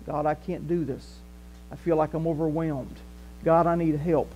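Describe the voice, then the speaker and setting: An older man with a Southern US accent preaches a conversational sermon as pastor in a small church hall, his voice fairly high and his pace moderate. He gestures animatedly and walks the stage. The lo-fi recording carries a faint mains hum.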